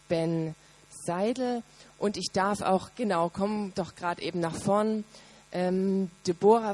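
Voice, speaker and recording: A woman with a slightly low voice moderates an event. She presents speakers in measured, courteous phrases and stretches certain words as she addresses the audience. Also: a little mellow, a little hiss or hum. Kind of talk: semi-formal introduction of speakers to an audience.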